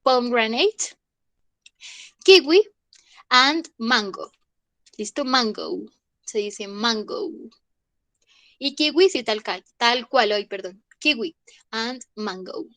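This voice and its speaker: A young woman, teaching an English vocabulary class online. She goes slowly, says each word twice and checks in with the class. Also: on the high side, lively intonation, a bit bright, no room sound. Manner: slow, repeats each word and asks "¿listo?".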